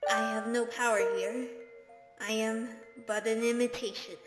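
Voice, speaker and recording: A woman's voice: fairly high pitch, little pitch movement, over loud music. A woman voicing a lonely, proud alien hive-mind remnant in a fan game, speaking solemnly through an echoing chorus-like effect. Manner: solemn, formal, slow.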